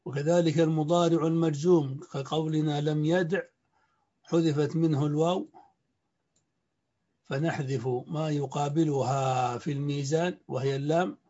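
Brief: male lecturer, somewhat high, mellow voice, measured teaching pace, lo-fi recording. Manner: measured, repeats key points, clears throat. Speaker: sheikh teaching Arabic morphology. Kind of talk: classroom lecture. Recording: dull lo-fi recording.

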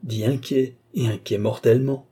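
A man voicing an excitable old baron who is worried and exasperated, with outbursts in a raised voice. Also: mid-range voice, normal speed, breathy edge, natural voice.

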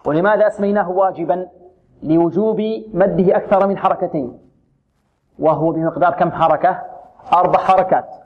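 A man leads a tajweed lesson in a fairly high voice, drawing words out slowly and repeating them as models. He corrects his students often. The recording sounds dull and lo-fi. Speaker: Quran recitation teacher. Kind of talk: tajweed lesson with drilled recitation.

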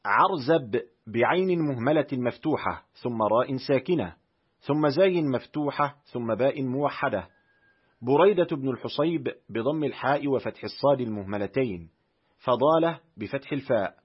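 A man reads a classical reference book aloud at a measured, careful pace. He spells out vowels and letters one by one. His voice is husky, mid-pitched and even, and the recording sounds dull and lo-fi. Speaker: audiobook reader. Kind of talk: reading a classical Arabic reference text aloud.

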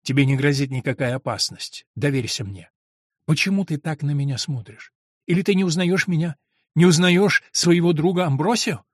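A man reading a novel aloud, voicing a domineering, lustful monk who speaks slowly and coaxingly. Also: no echo, studio quality, close to an everyday voice. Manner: low, slow and coaxing.

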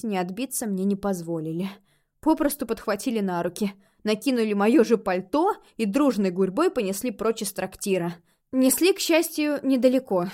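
A woman narrating a first-person audiobook in an expressive, lively way. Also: fairly high pitch.

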